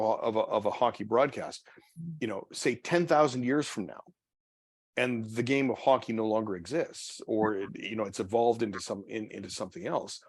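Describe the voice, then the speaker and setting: Man, pastor, casual study group talk, halting, lots of restarts, dry close sound. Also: medium pitch, no echo. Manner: halting, many restarts and repeated words. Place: church meeting room.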